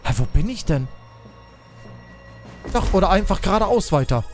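A man giving excited, exclamatory commentary while playing a game, talking aloud to his creatures. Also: sits high, moderate pace, faint music behind. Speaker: let's play host.

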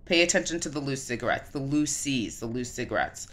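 Insistent woman with a bright, tense voice. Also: very deep voice, brisk. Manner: insistent, deadpan, steers back to her theory. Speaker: co-host. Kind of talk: casual chat.

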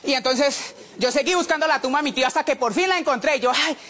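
A man telling an animated stand-up story, acting out the voices, with a live audience. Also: extremely high pitch, quick pace. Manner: animated, acts out voices, laughs through lines. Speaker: stand-up comedian. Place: comedy stage before a live audience. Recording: live show with audience and noise.

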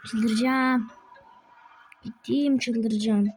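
A woman giving chatty gameplay commentary as a channel host, talking to herself and to other players and getting quickly frustrated. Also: on the high side, fairly even intonation, darkish tone, slight background noise.

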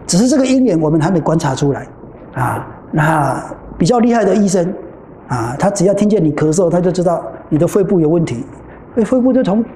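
Lively Buddhist nun teaching in a roomy hall. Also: female voice, fairly low pitch. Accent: Taiwanese Mandarin. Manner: animated, acts out dialogue in her stories. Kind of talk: dharma talk. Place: temple hall. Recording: roomy hall with faint noise.

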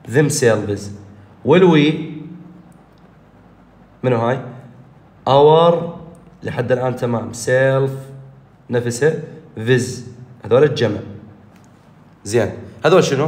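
A man's voice: medium pitch, unhurried, long pauses, a little mellow, echoey room. A man with an Iraqi Arabic accent, teaching an online English grammar lesson, explaining step by step and answering his own questions.

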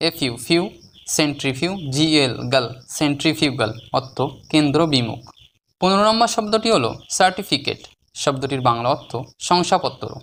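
Teacher spelling words out slowly. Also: medium pitch, fairly bright tone. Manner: spells words out letter by letter, then syllable by syllable; lifts the voice to announce each new word. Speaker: English teacher. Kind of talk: spelling lesson for students.

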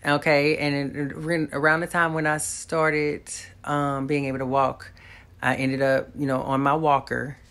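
A woman's voice: low voice, little pitch movement, a little slow, a bit bright. Woman, 30s; sincere to-camera testimony, close phone mic, small home room. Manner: earnest, talks straight to viewers, faith-filled. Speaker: vlogger.

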